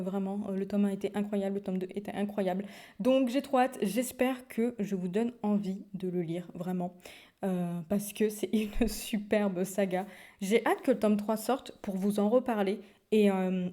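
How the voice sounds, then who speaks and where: A young woman talks through her recent reads in a loose, chatty way, stumbling over words, restarting sentences and laughing now and then. Her voice is soft and mellow, at a middle pitch. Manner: chatty, many fillers and restarts, frequent laughs. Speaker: book vlogger. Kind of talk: casual chat.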